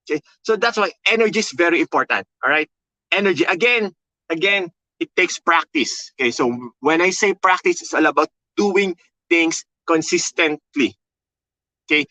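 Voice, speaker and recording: Speaking loudly with a Filipino accent, this content creation coach teaches a motivational webinar full of emphatic energy, frequent "okay"s and "all right"s, and repeated key phrases. The recording is dry and rough.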